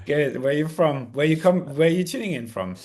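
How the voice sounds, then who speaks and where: A man's voice: fairly high pitch, expressive, normal speed, darkish tone. Host DJ, male, casual and hesitant, fillers everywhere, video-call sound. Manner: hesitant, many fillers and restarts. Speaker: DJ giving track feedback. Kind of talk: casual live feedback chat.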